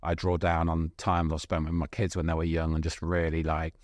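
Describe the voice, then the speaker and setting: Deep-voiced enthusiastic podcast host. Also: male voice, completely flat delivery, fairly quick, a little mellow, no room sound. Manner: enthusiastic, rambling with many restarts. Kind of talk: casual interview chat.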